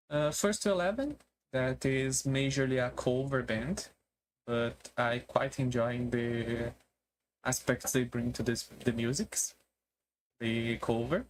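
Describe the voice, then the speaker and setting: A streamer talking casually in a halting way, with non-native English phrasing, on a solo stream. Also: mid-range voice, a little hiss or hum. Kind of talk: casual solo debut stream talk about favourite books and music.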